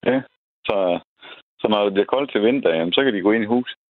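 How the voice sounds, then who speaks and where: A man's voice: lowish voice, no echo. A man calling in by phone, chatting casually in short plain answers. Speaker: caller. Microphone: telephone. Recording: tinny phone line.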